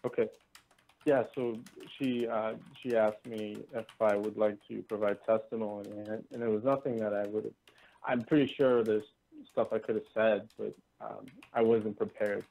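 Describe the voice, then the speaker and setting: A man from Canada calling in over a breaking-up voice call line, telling his story in a halting way with many restarts. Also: lowish voice, steady tone, vocal fry, warm tone. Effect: heard over a breaking-up voice call line. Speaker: caller. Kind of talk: casual phone-in conversation. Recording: tinny, dry voice call line.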